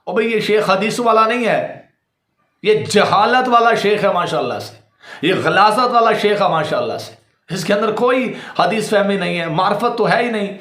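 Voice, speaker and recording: Scornful high-voiced man in an echoey room. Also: fairly bright tone. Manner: scornful, repetitive, mocking. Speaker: cleric and debater. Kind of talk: polemical commentary to an audience.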